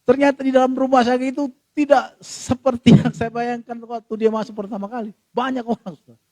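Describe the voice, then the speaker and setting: Male pastor, high voice, dry close sound, emotional sermon, shifts from loud to hushed. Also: level tone, fairly quick, no room sound. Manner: repeats the congregation address often.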